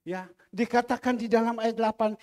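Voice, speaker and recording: A male pastor, preaching a sermon as an animated storyteller who acts out the voices of the people in his stories. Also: very high voice, moderate pace. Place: large church hall. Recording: long reverb of a church hall.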